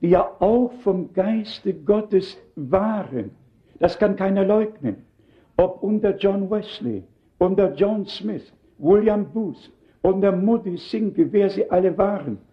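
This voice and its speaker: An older man delivers a sermon in a fairly high voice, taking his time over each phrase. He preaches with earnest emphasis and speaks straight to his listeners. The recording sounds dull and lo-fi. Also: expressive, slow.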